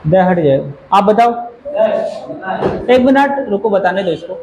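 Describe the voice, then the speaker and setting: A man's voice: sits high, expressive, unhurried, background noise. A man teaching an English grammar class, who explains patiently and keeps asking his students questions. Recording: echoey classroom.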